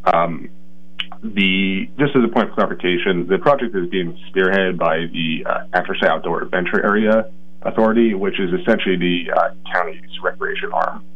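A man's voice: low-pitched, normal speed. A man who is a county planning coordinator, calling in by phone to a radio interview and explaining carefully with frequent rephrasing. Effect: heard over a phone line. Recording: muffled lo-fi phone line.

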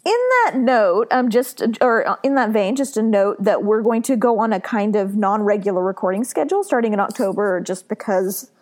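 A young woman co-hosting a casual podcast while heavily pregnant. She chats loosely, scattering fillers through her sentences. Her voice sits at a middling pitch for a woman. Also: normal speed, hardly any pauses, darkish tone. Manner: chatty, many "like" fillers. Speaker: podcast co-host. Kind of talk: casual chat.

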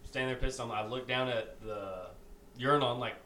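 A man's voice: mid-range voice, fairly even intonation, fairly quick, pushed and bright. A man on a podcast, sheepishly laughing while recounting his own embarrassing moment. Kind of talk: casual chat among friends. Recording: noisy recording.

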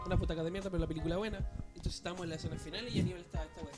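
A young man with a Chilean Spanish accent, hosting a casual podcast chat and teasing his friends with quick questions. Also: high-pitched, fairly even intonation, over loud music. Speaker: podcast host.

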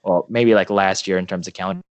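A man's voice: sits low, steady tone, dry recording, muffled recording. A man co-hosting a hockey podcast, easygoing and casual as he runs through the show's list. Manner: easygoing, quick agreeing interjections. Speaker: podcast co-host. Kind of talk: casual chat and show rundown.

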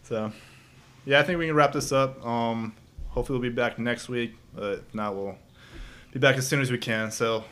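A young man co-hosting a podcast, relaxed and swearing in casual chat. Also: mid-range voice, normal speed. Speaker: podcast co-host.

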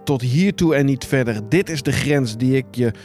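God in a spoken Bible retelling, vast and stern, asks question after question in a solemn, measured voice, as a man preaching puts him on. The pitch stays at an ordinary middle level. Faint music plays underneath. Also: darkish tone, natural voice.

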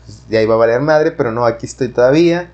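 A man playing a scared climber on a rope, cursing and begging in Mexican slang, mid-pitched voice, everyday tone. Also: fast talker, a little mellow, dull audio, lightly acted. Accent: Mexican Spanish. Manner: swearing, desperate slang. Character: panicked male climber hanging from a rope.

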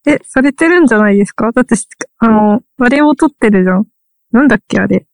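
A woman's voice: fairly high pitch, lively intonation, fast, no room sound. A woman from Ehime who teaches English literature, chatting casually, wry and trailing off as she searches for words. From Ehime, Japan. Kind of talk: casual chat.

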